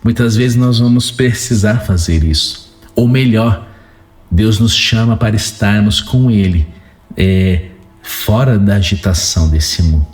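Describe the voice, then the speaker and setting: A man's voice: lowish voice, a little slow, darkish tone. A Brazilian man preaching a sermon in a didactic way, using rhetorical questions and repeated phrases.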